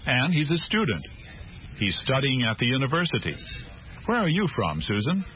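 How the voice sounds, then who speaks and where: An actor playing a friendly, inquisitive male reporter in a scripted textbook dialogue, asking questions in clear, even phrasing. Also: medium pitch, normal speed, lightly acted. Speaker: language course dialogue actor. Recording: dull lo-fi tape with audible hiss.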